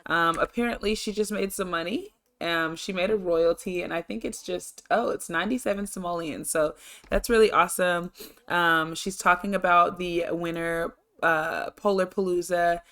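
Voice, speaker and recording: A woman's voice: fairly low pitch, fairly even intonation, normal speed, a bit bright. A woman narrating a life-sim game in a casual, chatty and upbeat way, rambling through what her character does. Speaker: gameplay narrator. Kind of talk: casual let's-play narration.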